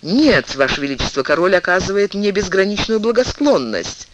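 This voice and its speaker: A man's voice: sits high, big pitch swings, moderate pace, background noise, voice pushed up. A man reading an audiobook, voicing a young, ardent English duke who pleads earnestly and with emotion. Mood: pleading.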